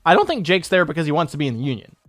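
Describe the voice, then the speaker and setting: A man's voice: on the high side, big pitch swings, racing, fairly bright tone, no echo, soft background music. A man co-hosting a casual podcast, talking enthusiastically and laughing easily. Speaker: podcast co-host. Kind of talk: casual chat.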